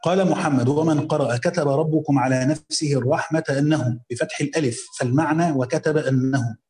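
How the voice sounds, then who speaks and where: A man with an Egyptian accent reading a classical religious commentary aloud, slowly voicing the text, then explaining it in casual colloquial asides. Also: a little high, a little mellow, roomy sound. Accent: Egyptian Arabic.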